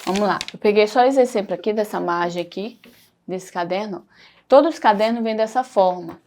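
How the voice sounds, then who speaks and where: Her voice is medium in pitch and carries a Brazilian Portuguese accent. She is a teacher giving a recorded lesson to primary schoolers, patiently explaining and pointing out details as she goes.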